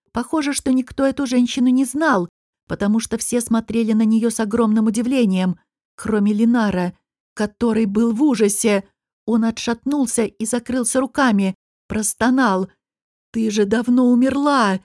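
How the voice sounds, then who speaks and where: Woman narrator, slightly high voice, slow measured reading, dry close sound. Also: a little mellow, dry recording. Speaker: audiobook narrator. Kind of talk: scripted narration.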